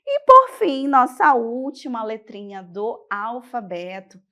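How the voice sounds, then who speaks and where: Brief: Brazilian woman teacher, slightly high voice, slow and patient, checks in with the class. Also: huge pitch swings, bright, forceful tone. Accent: Brazilian Portuguese. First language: Portuguese. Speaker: Spanish teacher. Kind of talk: classroom lesson.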